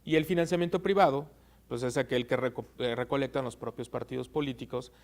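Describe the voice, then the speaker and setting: A man gives careful, measured answers as an invited legal expert, filling pauses with soft hesitations. His voice is gravelly. He sounds like an interview guest explaining things. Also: medium pitch, fairly even intonation. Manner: measured, frequent "eh" fillers. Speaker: guest expert on election law.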